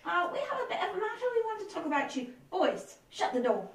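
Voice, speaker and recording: A woman's voice: extremely high pitch, sing-song, fast talker, voice pushed up, heavily acted. A woman voicing a young dwarven girl who bosses a gang of street kids, with a put-on Scottish accent and a brash, streetwise manner. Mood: welcoming. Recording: echoey room, distant mic.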